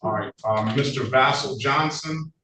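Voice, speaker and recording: A man presiding as a judge over court proceedings, brisk and procedural with chatty asides, heard in a courtroom recording. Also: mid-range voice, pushed and bright. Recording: echoey courtroom, distant mic, faint noise.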